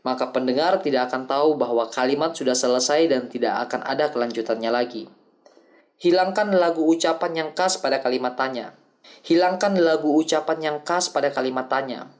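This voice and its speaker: A man reading the lines of an older male acting teacher who explains things calmly and patiently in an audiobook. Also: medium pitch, brisk, lightly acted. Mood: instructive. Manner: calm, explanatory lecturing.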